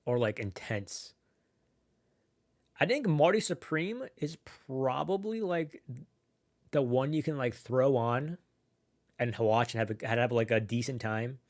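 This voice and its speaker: A man's voice: mid-range voice, lively intonation, a little slow, long pauses, darkish tone. A man streaming live from his computer, chatting casually while he eats, rambling and swearing with lots of "like" and restarts. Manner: rambling, profane, full of "like" and restarts; chews and munches while talking.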